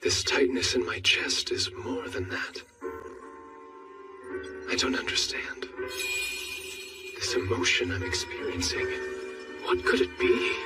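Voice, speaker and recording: A man's voice: medium pitch, sing-song, takes it slowly, long pauses. A man playing a polished, wry young prince in a dramatic English anime dub. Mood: brooding. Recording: distant sound under loud music.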